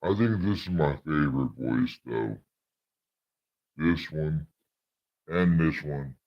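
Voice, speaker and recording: A man through a voice changer, extremely deep. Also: animated, slow, gravelly, muffled recording, heavily acted. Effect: voice changer dropping the voice very deep. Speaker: livestreamer. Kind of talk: casual livestream chat.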